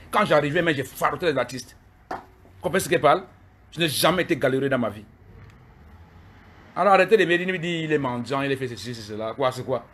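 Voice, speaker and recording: A middle-aged Cameroonian man streaming live goes on a heated rant aimed straight at his critics, circling back to the same points repeatedly. His voice is slightly high and a bit bright, and faint background noise can be heard.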